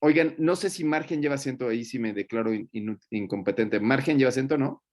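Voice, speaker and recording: A man's voice: medium pitch, quick pace, darkish tone. A man, a teacher giving colloquial, joking feedback on student presentations, with many fillers.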